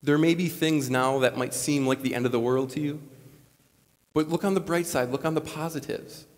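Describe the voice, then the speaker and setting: A slightly high voice at normal speed belongs to a commencement speaker, a man in his late twenties from Wisconsin. Earnest and conversational, gesturing animatedly, he speaks on stage in a large school gym, his lapel mic picking up a long reverb.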